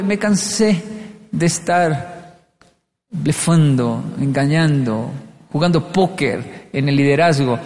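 Male speaker, high-pitched, animated storyteller doing voices, live talk in a reverberant hall. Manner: animated storyteller, acts out dialogue with playful voices. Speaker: speaker on leadership.

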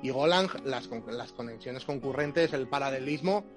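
A man's voice: medium pitch, moderate pace, faint music behind. A man in casual tech chat, chatty, opinionated and playful. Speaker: podcast co-host.

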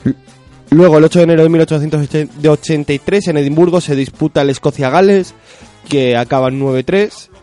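A young man talks as a radio guest, rambling and joking as he piles up dates and match scores. His voice sits at an ordinary pitch for a man. Faint music runs underneath. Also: brisk, dark tone. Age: 20s. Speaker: guest, rugby fan. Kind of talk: casual radio interview.

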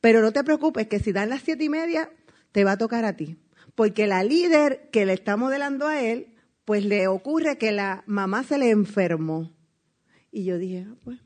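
A middle-aged woman with a Puerto Rican accent, giving a motivational testimony talk as a network marketing speaker, acting out dialogue and laughing often. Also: on the high side. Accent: Puerto Rican Spanish. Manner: lively storyteller, acts out dialogue, laughs often.

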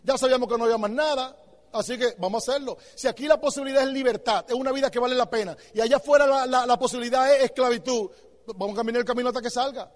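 A man gives an emphatic motivational talk in a very high voice. He talks fast and keeps throwing rhetorical questions at the listener. His voice carries a long reverb from a large hall. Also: fairly even intonation. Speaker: motivational speaker.

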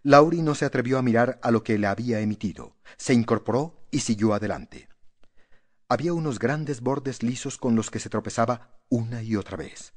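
A man narrating a horror audiobook in a steady, measured reading voice. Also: mid-range voice.

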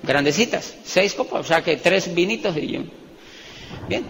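A man with a Colombian accent speaks with a bright, high-pitched voice as he tells a motivational story. He repeats phrases for emphasis and jokes about himself. The sound has a long hall reverb and a faint hiss of background noise. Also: lively intonation, unhurried, vocal fry. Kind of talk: storytelling talk to a live audience.

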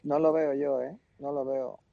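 A man's voice: mid-range voice, flat delivery, unhurried, gravelly, dry recording, dull audio. A man from Spain co-hosting a podcast, bantering playfully and spelling words out in a mock-pedantic way. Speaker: podcast co-host. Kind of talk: casual banter.

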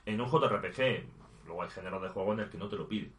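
Low-voiced man. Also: fast, fairly bright tone, a little hiss or hum. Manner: thinks aloud, restarts sentences. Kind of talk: casual conversation about video games.

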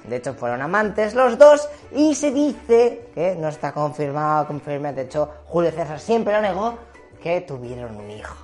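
A woman's voice: fairly low pitch, sing-song, moderate pace, darkish tone, faint music behind. A Spanish woman from Spain telling history in a playful, slangy comic style, dropping in English catchphrases. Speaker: history vlogger.

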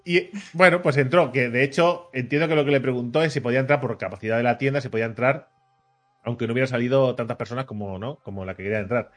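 Soft music plays behind a fast-talking man with a mid-range voice. He comes from Catalonia, Spain, and spins a lively story in relaxed conversation, voicing the characters, wandering into many asides, laughing frequently and saying "¿vale?" again and again.

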